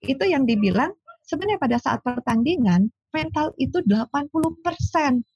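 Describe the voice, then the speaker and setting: A woman, a sports psychologist telling lively stories in a casual interview. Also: high voice, normal speed, no room sound, dull audio. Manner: animated storyteller, acts out quoted dialogue.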